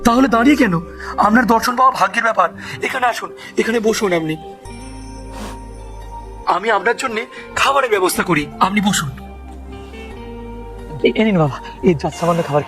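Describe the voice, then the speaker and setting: Man acting as excitable naive villager, extremely high voice, comedy skit, exaggerated, faint music behind. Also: fairly quick, pauses often, full character voice. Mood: eager, respectful.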